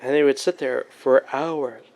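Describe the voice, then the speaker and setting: A man's voice: medium pitch, fairly even intonation, a little slow, a little mellow. A man talking as a podcast guest in loose, casual chat, swearing now and then.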